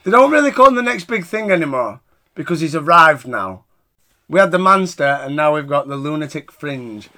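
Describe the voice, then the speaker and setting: Fairly high-voiced British man, casual podcast chat. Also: big pitch swings, a little fast, bright, forceful tone. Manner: sweary, informal. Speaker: podcast host reviewing wrestling shows.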